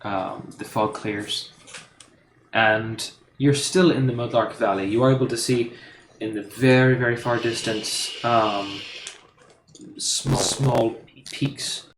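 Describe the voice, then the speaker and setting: A man's voice: medium pitch, fairly even intonation, slow pace. A man narrating a tabletop game as game master, with rambling descriptions full of fillers and restarts. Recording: roomy live stream with background noise.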